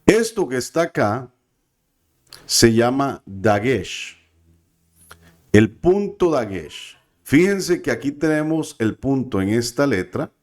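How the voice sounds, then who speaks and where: A man's voice: mid-range voice, a little mellow. A man teaching a biblical Hebrew class, patient and careful, often checking in with his students. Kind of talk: classroom lesson.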